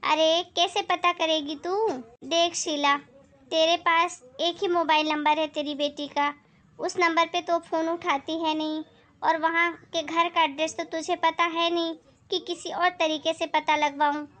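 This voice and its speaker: A woman voicing a sharp-tongued older aunt who lectures her neighbor in a blunt, scolding way. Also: very high-pitched, little pitch movement, measured pace.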